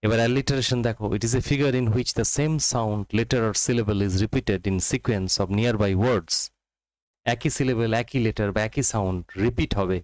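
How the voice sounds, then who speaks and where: A man with a Bengali accent teaching English literature for exams, reading quotations slowly and explaining quickly in Bengali mixed with English. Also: medium pitch, a little mellow, no echo, low-quality recording. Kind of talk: exam-prep literature lesson.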